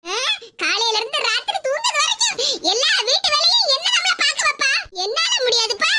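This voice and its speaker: A voice actor playing a scheming older village mother-in-law in a cartoon, gloating and scolding loudly. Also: very high voice, big pitch swings, a little fast. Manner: gloating and scolding, loud complaints. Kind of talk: cartoon voice acting. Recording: loud background hiss.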